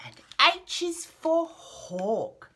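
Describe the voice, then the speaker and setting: Reading picture books to toddlers, this Australian-accented host has a very high voice and speaks very slowly. Her delivery is lively and sing-song, broken up by friendly asides and questions aimed at the little one.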